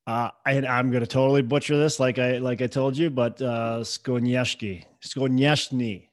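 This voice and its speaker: A man's voice: mid-range voice, steady tone, normal speed, no echo, clean studio sound. A man hosting a podcast interview, talking casually with many fillers. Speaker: podcast host.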